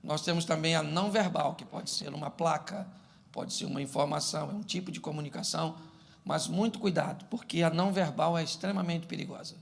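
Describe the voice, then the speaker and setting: A man's voice: a little high, fairly quick, vocal fry. A middle-aged man preaching a humorous sermon as pastor, acting out little scenes of married life. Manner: humorous, animated, acts out domestic scenes.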